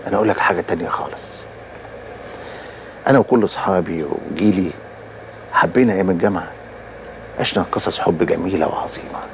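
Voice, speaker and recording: Deep-voiced egyptian dad lecturing a suitor, quick talker, soft music behind. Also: male voice, a little hiss or hum. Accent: Egyptian Arabic. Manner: measured, lecturing. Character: stern middle-aged father weighing a suitor.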